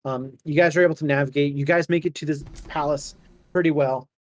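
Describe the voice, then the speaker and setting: A man with a fairly high voice narrates a tabletop game as game master. He improvises haltingly and corrects himself, in a close, very dry recording. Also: steady tone, no echo.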